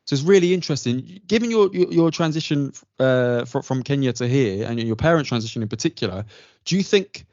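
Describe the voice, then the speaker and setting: A man's voice: medium pitch, animated, a little fast, darkish tone, dry recording. A man hosting a podcast, asking thoughtful, earnest questions. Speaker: podcast host. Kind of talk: casual interview chat. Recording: dry, dull lo-fi audio.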